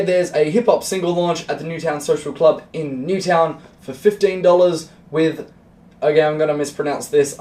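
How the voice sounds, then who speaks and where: A hoarse man, sick and half out of voice, hosting a weekly gig roundup with dry, sarcastic humor. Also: fairly high pitch, a little mellow, distant mic. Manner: dry, sarcastic, self-mocking. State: hoarse from illness. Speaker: host.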